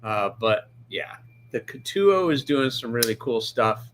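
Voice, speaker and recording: A man's voice: medium pitch, lively intonation, measured pace, fairly bright tone, slight background noise. A man hosting a live stream about pocket knives, chatting casually, greeting viewers by name and restarting sentences as he handles a knife. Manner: handles the knife while talking, restarts often.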